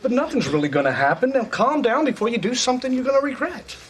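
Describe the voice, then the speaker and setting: An actor playing a new father who is defensive, whiny, and quick to fret. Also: very high-pitched, sing-song, a little hiss or hum. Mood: placating. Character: anxious, self-righteous young dad. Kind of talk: sitcom acting.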